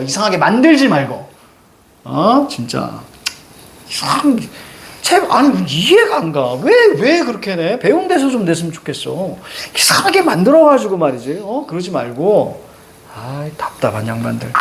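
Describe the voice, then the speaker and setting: Animated joking male literature teacher. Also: on the high side, vocal fry. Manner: animated, joking, sudden loud outbursts. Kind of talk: lecture to students.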